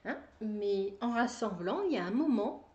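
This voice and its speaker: A woman's voice: a little high, very animated, normal speed, dark tone, dull audio. Chatty woman knitting vlogger, roomy echo. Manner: chatty, rambling, many fillers, laughs at herself. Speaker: knitting video podcaster. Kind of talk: casual chat to camera.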